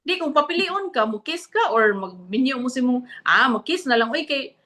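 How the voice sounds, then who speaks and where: Bright-voiced woman in casual chat. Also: sits high, lively intonation, normal speed. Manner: thoughtful, switches between English and Cebuano. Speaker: podcast co-host.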